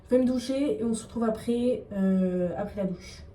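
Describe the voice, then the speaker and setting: A young woman chats into her phone at home as she gets ready, rambling and poking fun at herself in slangy, casual talk. Her slightly high voice is soft and mellow. It sounds distant from the mic, in an echoey room with a faint hiss behind. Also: normal speed. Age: young adult. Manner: chatty, rambling, self-mocking, slangy. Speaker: vlogger. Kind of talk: casual vlog chat.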